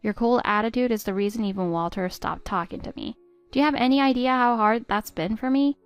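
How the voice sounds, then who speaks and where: A woman voicing a patient, hurt middle-aged stepmother who pleads gently with her stepdaughter. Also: a little high, brisk, smooth, soft background music, close to an everyday voice. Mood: pleading. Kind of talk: text-story voice acting.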